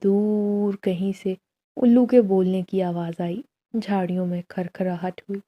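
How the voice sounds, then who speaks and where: A woman narrating a first-person horror story as a storyteller, in a slow, measured, solemn way. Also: medium pitch, flat delivery, dull audio.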